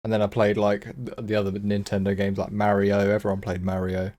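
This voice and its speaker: Young male guest, easygoing and halting, lower-pitched voice. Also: completely flat delivery, a little mellow. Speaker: podcast guest. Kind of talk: casual chat.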